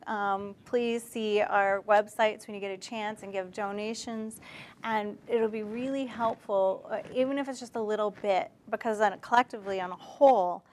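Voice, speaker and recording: This Cape Cod, Massachusetts woman hosts a talk show, interviewing her guest in a relaxed, conversational way. She speaks in a mid-range voice on a bookshelf-lined indoor studio set, with slight background noise.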